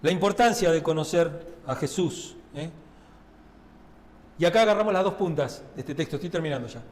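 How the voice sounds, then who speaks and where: A man with a high voice and a Rioplatense Spanish accent preaches in a chatty, conversational way and keeps checking in with his listeners. His voice rings through a church with a long hall reverb. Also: normal speed. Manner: conversational preaching with frequent tag questions. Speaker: pastor. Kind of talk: sermon. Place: church sanctuary.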